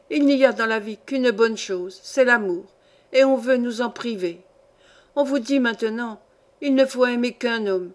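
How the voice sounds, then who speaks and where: A woman's voice: on the high side, close to an everyday voice. A woman reading a story aloud, voicing an indignant, worldly old grandmother who lectures her granddaughter with scorn. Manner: scornful, lecturing, sweeping tirade. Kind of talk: audiobook reading.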